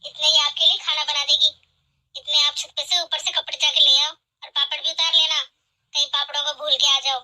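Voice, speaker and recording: A domineering mother-in-law from an animated family drama who scolds and taunts, as a woman acts her out. Her voice is high and piercingly bright, clipped and bossy. She sounds used to giving orders. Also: moderate pace, low-quality recording. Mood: scolding.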